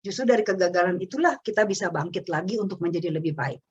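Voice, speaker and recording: A woman with a husky voice gives an earnest parenting talk, speaking straight to the parents. The sound is dull and lo-fi, as on a video call. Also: on the low side, animated, fast. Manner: earnest, addresses parents directly. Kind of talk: webinar talk.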